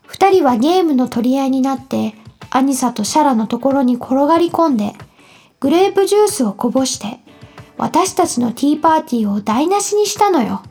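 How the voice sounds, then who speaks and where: A woman voicing an excitable, indignant young girl in a storybook. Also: sits high, moderate pace, long pauses, soft background music.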